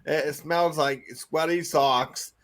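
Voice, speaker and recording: Blunt joking pastor, dry close sound. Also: male voice, a little high, steady tone, takes it slowly, fairly bright tone, no echo. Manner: blunt, joking, preachy asides. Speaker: pastor and podcast co-host. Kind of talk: casual faith podcast chat.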